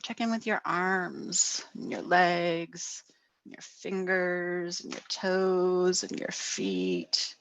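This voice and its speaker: A middle-aged woman counselor giving a gentle guided wellness talk over a video call, often asking "right?". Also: on the low side, lively intonation, takes it slowly, no room sound. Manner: gentle, frequent "right?" tags.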